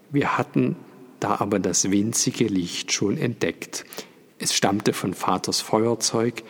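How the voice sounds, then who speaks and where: A man reading a story aloud in a slow, measured way. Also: lowish voice, breathy edge, big-room sound. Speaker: audiobook narrator. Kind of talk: storybook narration.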